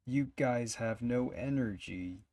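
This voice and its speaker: A man's voice: medium pitch, takes it slowly, a little mellow. A young man streaming a game, reading its dialogue aloud and adding wry, casual asides with the odd swear word. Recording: faint game music behind.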